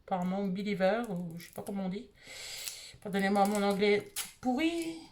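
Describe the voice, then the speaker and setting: A woman's voice: mid-range voice, animated, moderate pace, darkish tone. A married woman from France, casually reviewing beauty products she bought and thinking aloud with lots of fillers. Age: adult, married. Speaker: beauty vlogger.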